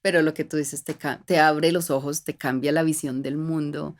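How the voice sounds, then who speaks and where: Una mujer colombiana de unos treinta años, con acento de Bogotá, que conversa como invitada en una entrevista y cuenta sus vivencias con pausas y muletillas. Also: female voice, sits low, steady tone. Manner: reflective, warm storytelling with frequent fillers and restarts. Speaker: guest. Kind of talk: casual conversational interview.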